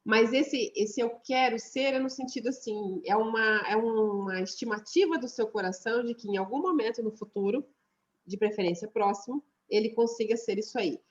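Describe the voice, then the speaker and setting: Woman teacher, fairly high voice, patient explainer who slows down to model words, dull lo-fi online-class sound. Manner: explains patiently, repeats words slowly for pronunciation. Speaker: English teacher.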